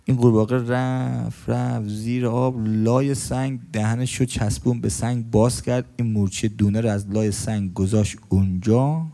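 A man giving a colloquial sermon in a mosque, telling stories and asking the congregation questions, swinging between loud stresses and hushed lines. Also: mid-range voice, steady tone, creaky, few pauses. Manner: storytelling, asks the congregation questions. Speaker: preacher.

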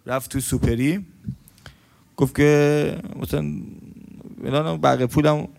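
A man's voice: a little high, steady tone, creaky. Man preaching a casual sermon. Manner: storytelling, asks the congregation questions; swings between loud stresses and hushed lines. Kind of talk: colloquial sermon. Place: mosque.

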